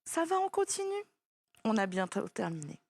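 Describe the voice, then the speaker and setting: A woman's voice: on the high side, big pitch swings, normal speed, creaky, a little mellow, dry recording. A woman teaching a child French spelling, patiently spelling words out letter by letter.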